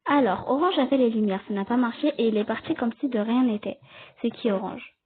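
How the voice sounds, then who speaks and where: A woman's voice: a little fast, husky. Young-sounding woman gaming on a tinny mic. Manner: chatty, explains rules to viewers, talks back to other players. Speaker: gaming video creator. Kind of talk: casual Let's Play commentary. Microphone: cheap headset or desk mic. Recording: tinny low-quality mic.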